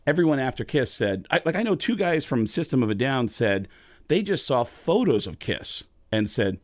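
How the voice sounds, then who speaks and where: A man, a comedian, casually telling a story, animated and quick to act out the other voices. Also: medium pitch, no room sound, clean studio sound.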